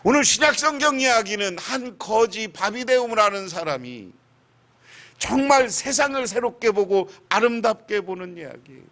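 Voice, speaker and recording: A man pastor, preaching a lively sermon that tells a story and keeps asking the congregation questions. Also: high voice, moderate pace.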